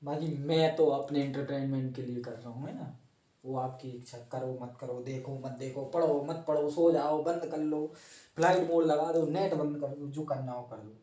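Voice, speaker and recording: A man's voice: mid-range voice, mellow, far from the mic. A young man teaching a class informally, joking and teasing himself and his students as he draws. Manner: playful, self-mocking, chatty. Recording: echoey room, voice from off-mic.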